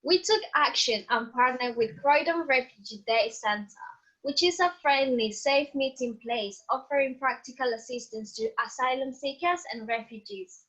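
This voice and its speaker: A woman's voice: high-pitched, normal speed, pushed and bright, low-quality recording. A woman who is a student presenter, reading a prepared script for a presentation.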